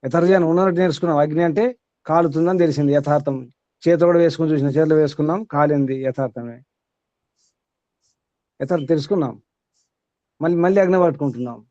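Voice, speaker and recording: A man's voice: fairly high pitch, fast talker, pauses often, dark tone, dry recording, muffled recording. A man teaching a small group as their spiritual guide, asking rhetorical questions and repeating his points.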